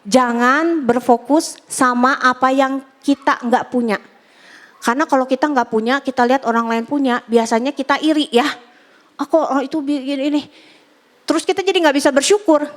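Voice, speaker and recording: A young woman giving a lively children's Bible lesson, acting out little prayers and story lines for the kids. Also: high-pitched. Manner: animated, acts out prayers and story voices for kids. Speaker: Sunday school teacher.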